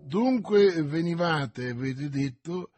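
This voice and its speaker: A man voicing a cold, contemptuous English baron who threatens his captive in an icy, sneering, deliberate way in an audiobook. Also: a little high, lively intonation, darkish tone, no echo, faint music behind.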